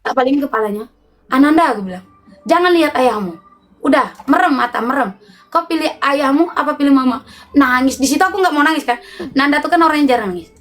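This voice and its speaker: A woman telling a personal story to her livestream viewers in a casual, animated, emotional way, often laughing. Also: high-pitched, fast, slight background noise. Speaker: livestream host.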